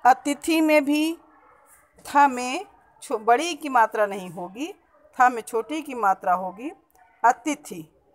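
A woman teacher giving a Hindi grammar lesson on pronunciation to schoolchildren, with a Hindi accent from around Allahabad, explaining step by step and repeating words slowly to correct them. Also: high-pitched, lively intonation. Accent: Hindi as spoken around Allahabad.

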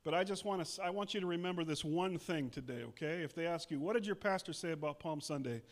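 A man's voice: a little high, brisk. A male pastor with a South Texas Spanish accent, preaching a sermon that switches between Spanish and English and leading the congregation in call-and-response. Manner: repeats each point in both languages, leads call-and-response. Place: church.

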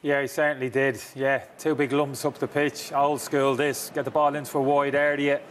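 A man's voice: mid-range voice, little pitch movement, moderate pace. A middle-aged man analysing football match replays in an emphatic way as a pundit on a TV studio set, on a lapel mic. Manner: emphatic, talks over replays. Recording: TV studio with background noise.

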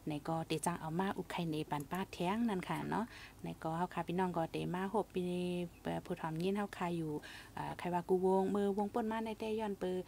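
A woman talks on a radio show in a low, creaky voice, reflective and advising. A faint hiss runs underneath her. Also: fast, mellow. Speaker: radio host. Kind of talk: casual radio talk.

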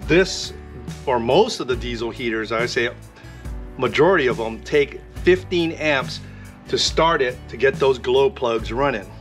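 Relaxed man demoing gear, faint music. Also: medium pitch. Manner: relaxed, rambling with fillers. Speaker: vlogger. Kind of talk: casual product demo vlog.

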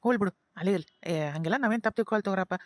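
A woman's voice: mid-range voice, rapid-fire, no room sound, studio quality, lightly acted. A woman voicing an earnest, guilt-ridden young son with a North Karnataka accent, pleading with his parents in a cartoon. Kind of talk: cartoon voice acting.

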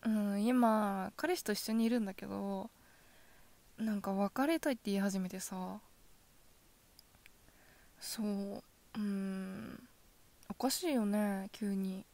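A woman voicing a possessive yandere girlfriend in a soft ASMR role-play, sweetly coaxing with quiet menace. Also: medium pitch, fairly even intonation, slow pace, pauses often. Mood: coldly jealous. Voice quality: soft, often dropping in a soft voice. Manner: yandere: sugary coaxing turning quietly threatening.

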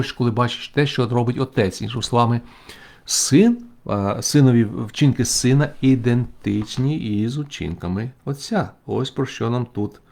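A man, a church bishop, teaching a remote Bible study lecture in a measured, explanatory way, pausing often with "uh" while he works through the text. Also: medium pitch, gravelly, a little mellow. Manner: measured, explanatory, frequent "uh" fillers while working through Greek.

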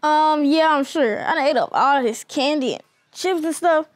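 A woman's voice: high-pitched, normal speed, no room sound, studio quality, close to an everyday voice. A young female performer playing a sly, lazy, nonchalant teenage schoolgirl in a comedy skit. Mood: nonchalant, smug. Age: teen. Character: sly, lazy schoolgirl faking sickness, casual and cheeky. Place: living room couch.

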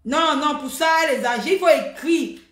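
A woman hosting a live stream, talking in an animated, mocking, repetitive way. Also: high-pitched, normal speed, roomy sound. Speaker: livestream host. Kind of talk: heated live-stream rant.

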